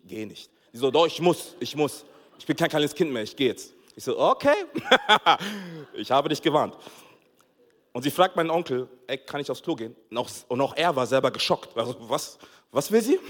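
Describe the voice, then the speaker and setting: A man with a fairly high voice tells a story from the pulpit, acting out the voices of his family and breaking into laughter. His sermon rings through a church hall with a long reverb tail, and his delivery rises and falls with the story. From Togo. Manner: animated storyteller, acts out family dialogue, laughs often. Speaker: pastor.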